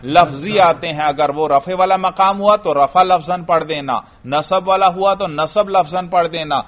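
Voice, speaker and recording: A man's voice: on the high side, fairly bright tone. A man teaching an Arabic grammar lesson, questioning a student and repeating the answers. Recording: dull lo-fi audio.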